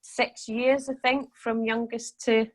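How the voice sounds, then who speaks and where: A woman's voice: fairly high pitch, level tone, slow, low-quality recording. A Scottish woman from southwest Scotland, a podcast guest talking casually about her family and past and laughing easily. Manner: chatty, laughs easily, speeds up when recounting. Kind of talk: casual interview conversation.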